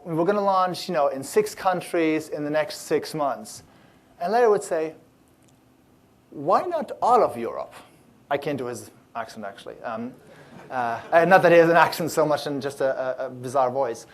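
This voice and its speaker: A man speaking to a live audience at a startup event, pitched a bit higher than most men. He talks loosely and cheerfully, restarting phrases and filling pauses with "um" and "uh" as he tells stories. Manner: many fillers and restarts, animated and upbeat. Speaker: startup accelerator founder giving a talk. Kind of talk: conference talk.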